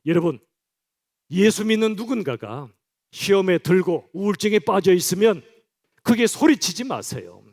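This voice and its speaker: A man's voice: sits high, big pitch swings, normal speed, darkish tone. A male pastor preaching a sermon in church, speaking directly and conversationally to his congregation.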